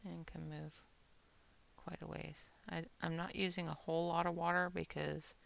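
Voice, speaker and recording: A woman giving a casual, unhurried art supply demonstration, half murmuring to herself, with a creaky voice that often trails off softly. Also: low voice, little pitch movement, muffled recording, a little hiss or hum.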